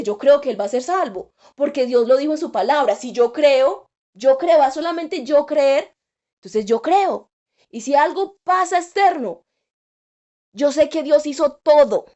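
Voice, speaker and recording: A woman delivers a sermon in a high voice. She speaks earnestly and repeats her key phrases for emphasis. The recording is dull and lo-fi. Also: warm tone. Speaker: preacher.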